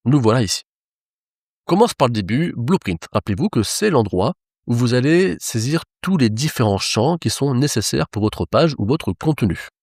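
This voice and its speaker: A man's voice: medium pitch, big pitch swings, normal speed, darkish tone, dry recording, clean studio sound. A man teaching web development, explaining each step of a screen-recorded tutorial to his viewers.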